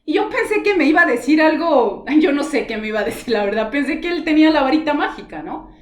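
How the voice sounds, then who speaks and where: Woman, fairly high voice, heartfelt storytelling, acts out dialogue, echoey room. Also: lively intonation, fast talker. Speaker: spiritual guide telling her story. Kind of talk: personal testimony in conversation. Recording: roomy echoey sound.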